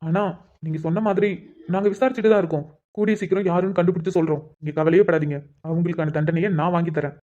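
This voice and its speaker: A woman voicing a calm, reassuring male police inspector in a cartoon, speaking steadily and with authority. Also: on the low side, quick pace, dull audio, natural voice. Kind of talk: cartoon voice acting.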